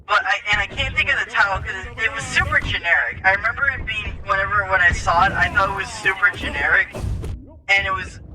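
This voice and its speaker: A young man chatting casually while gaming, rambling and halting with many restarts. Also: high-pitched. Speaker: co-host. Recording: noisy background.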